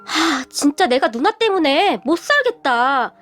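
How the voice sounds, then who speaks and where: A woman's voice: very high-pitched, big pitch swings, moderate pace, fairly bright tone, faint music behind, exaggerated voice. Brief: fed-up husband caught in a family fight, read by a woman narrator. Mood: exasperated. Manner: sighing, exasperated. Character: exasperated young husband caught between family.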